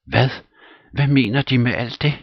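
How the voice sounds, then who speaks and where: A man reading a play aloud and voicing an outraged young widow in a shrill, indignant falsetto. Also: dry recording, lo-fi sound, lightly acted. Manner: shrieking, indignant, high.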